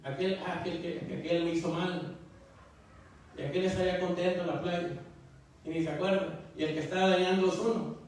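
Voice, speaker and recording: A man's voice: high voice, fairly even intonation, fairly quick. A man preaching a casual sermon, often repeating little asides to his listeners and restarting his words. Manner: folksy, repeats "¿verdad?" and "hermano". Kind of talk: Spanish sermon. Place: church sanctuary. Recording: echoey church from far off.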